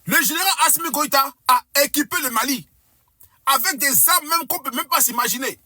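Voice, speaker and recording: A woman's voice: sits high, fairly quick, sharp tone, dry recording, studio quality. A woman giving fervent, boastful commentary to viewers, piling up exaggerated claims. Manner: emphatic, boastful, hyperbolic.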